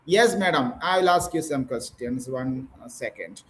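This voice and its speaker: A man's voice: medium pitch, moderate pace, a bit bright, poor audio. A man with an Indian English accent running an online spoken English session for teachers, asking questions and coaching in an encouraging way. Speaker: English speaking trainer. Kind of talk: online speaking practice session.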